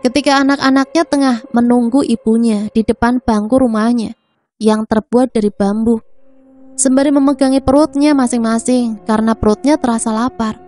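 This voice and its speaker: A woman narrating a scripted family drama in a steady, even reading voice. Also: a little high, moderate pace. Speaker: storyteller. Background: faint music.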